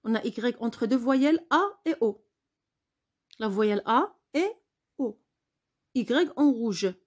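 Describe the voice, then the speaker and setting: A woman teacher giving a spelling lesson, patiently repeating words slowly for her pupils. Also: a little high, expressive.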